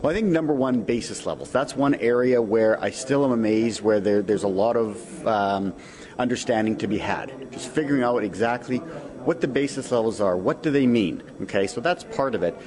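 A man explaining things conversationally as a financial advisor in a radio interview, thinking aloud with pauses. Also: mid-range voice. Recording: crowd murmur in the background.

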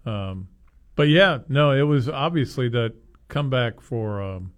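A man with a medium-pitched voice co-hosts a sports radio show. His chat is casual and halting, with words repeated as he thinks aloud. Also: expressive.

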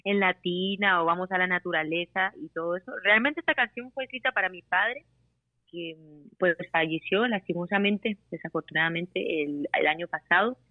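A woman's voice: fairly low pitch, normal speed, no echo. Woman laughing easily over a phone line. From raised in Costa Rica and Panama. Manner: laughs often between phrases. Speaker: singer-songwriter guest. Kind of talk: casual interview over the phone.

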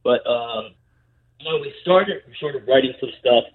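A man's voice: mid-range voice, expressive, moderate pace, husky. A man talking over the phone from home in a casual interview, wry and gloomy in a self-mocking way. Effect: heard over the phone. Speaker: guest musician. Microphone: phone, later on speakerphone. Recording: tinny muffled phone line.

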